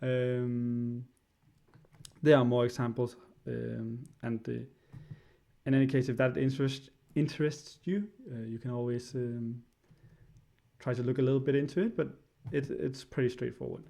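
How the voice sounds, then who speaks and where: A man giving a casual spoken lesson, hesitant and filling pauses with "uh" and "right?". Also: mid-range voice, level tone, gravelly, mellow. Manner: hesitant, many fillers, frequent "right?". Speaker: language teacher.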